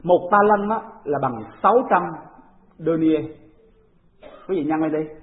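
A woman's voice: deep voice, unhurried. A woman delivers a sermon, telling stories with animation and putting rhetorical questions to her listeners. The sound is narrow and tinny, like a phone line. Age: 40s. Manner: animated storytelling preaching with rhetorical questions to the congregation. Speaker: preacher.

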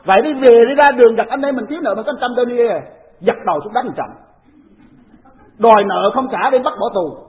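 A woman's voice: a little high, a little fast. A woman delivers a sermon, telling stories with animation and putting rhetorical questions to her listeners. The sound is narrow and tinny, like a phone line. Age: 40s. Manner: animated storytelling preaching with rhetorical questions to the congregation. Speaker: preacher.

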